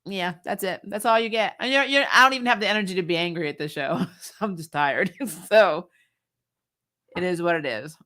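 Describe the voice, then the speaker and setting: This recap-stream host speaks in a lowish, fairly bright voice, chatting casually with strong opinions. She comes across blunt, sarcastic and emphatic, swears freely and sounds exasperated.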